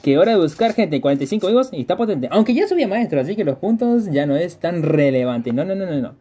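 Lively, husky-voiced streamer. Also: male voice, sits high, quick pace. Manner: chatty, greets viewers, repeats phrases in bursts. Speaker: game streamer. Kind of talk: live gameplay stream, chatting with viewers.

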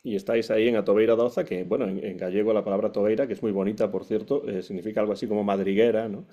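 Middle-aged male host from Vigo, Spain; mellow low voice, halting questions over dull lo-fi call. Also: steady tone. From Spain (Vigo, Galicia). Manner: hesitant, repeats words while forming questions. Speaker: interviewer host. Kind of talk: interview questions. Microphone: earphone mic on video call.

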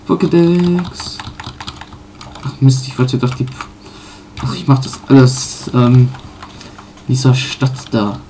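A man casually commenting on his own playthrough, pausing often with fillers and correcting himself. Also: mid-range voice, warm tone, slight background noise. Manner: halting, many fillers and self-corrections. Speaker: let's player.

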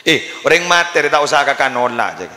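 A man preaching a comic sermon with a Madurese accent, jokey and lively, often laughing and breaking into chant, at a live religious gathering. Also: medium pitch, brisk. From Indonesia. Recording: echoey live hall with ambience.

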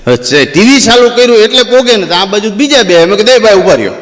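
High-voiced storyteller man. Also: quick pace. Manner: lively, acts out quoted characters, drawls crowd chants. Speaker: stand-up comedian and storyteller. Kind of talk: folk comic storytelling.

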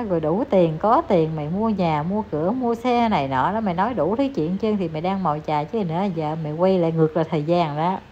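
A woman with a Southern Vietnamese accent rants through a heated commentary vlog, scolding and talking down to the person she is criticizing. Her voice sits at an ordinary middle pitch. The recording sounds slightly dull, with faint ambience behind her. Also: a little mellow, slight background noise. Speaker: online commentator.

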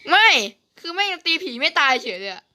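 A woman chatting casually and excitedly while playing a video game, often repeating short phrases. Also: extremely high pitch, a little fast. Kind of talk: excited casual gaming chat. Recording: faint background noise, clicks.

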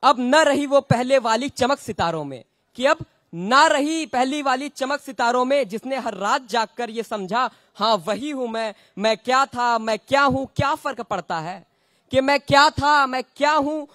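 A man's voice: very high-pitched, measured pace, bright, forceful tone, no echo, studio quality. A young man performing his poems and a sung verse at an open mic, reading from his phone at a stand mic on an indoor stage. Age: young adult. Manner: reads from phone at stand mic, recites then sings. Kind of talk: poetry recitation and sung verse. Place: indoor stage at a literature festival.

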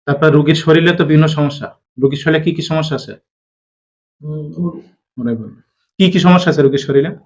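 A man working as a faith healer, sternly questioning a possessed patient, pressing for quick answers and repeating each reply back. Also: a little high. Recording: dull lo-fi recording.

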